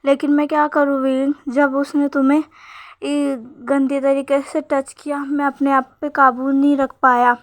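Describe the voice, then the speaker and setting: A reserved young husband who speaks in brief, apologetic lines, given a high voice that barely rises or falls, as a woman reads his part. He sounds contrite and withdrawn. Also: level tone, normal speed, dry recording, close to an everyday voice. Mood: remorseful. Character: remorseful young man, possessive and quiet husband.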